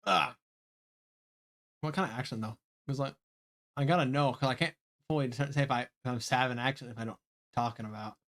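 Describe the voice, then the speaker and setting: A man from the Southern United States, with a light accent, rambles casually on a live game stream, reading game dialogue aloud. He restarts sentences, laughs often, and swears casually. His mid-range voice is fairly quick and fairly bright, with frequent pauses.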